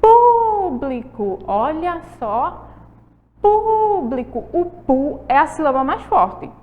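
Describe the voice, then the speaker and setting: A woman teacher with a Brazilian Portuguese accent giving a televised lesson to children, stretching words slowly to mark the stressed syllable and asking the viewers questions. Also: high voice, expressive, big-room sound, phone-quality sound. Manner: encouraging, asks the viewers questions.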